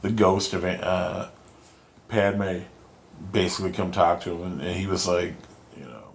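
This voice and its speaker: A man with a lowish voice chats loosely as a podcast host. He rambles, swears casually and often trails off mid-thought. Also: fairly even intonation, a little slow, gravelly, slight background noise. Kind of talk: casual chat.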